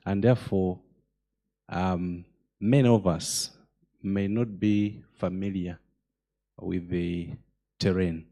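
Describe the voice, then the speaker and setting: A man who is a judge, answering a panel question in a measured, hesitant way. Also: low-pitched, steady tone, dark tone.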